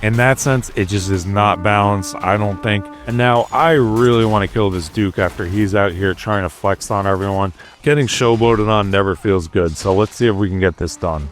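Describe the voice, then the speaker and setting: A young man giving a relaxed, conversational voice-over commentary on his own gameplay and sharing tips. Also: lowish voice, moderate pace, hardly any pauses, faint music behind. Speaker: gaming YouTuber narrating gameplay.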